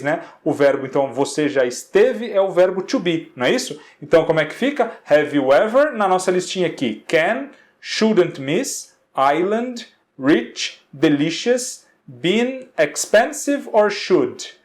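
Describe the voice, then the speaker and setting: Lively patient male language teacher. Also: a little high. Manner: patient, checks in often with rhetorical questions. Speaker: English teacher. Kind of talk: explaining an English exercise in Portuguese.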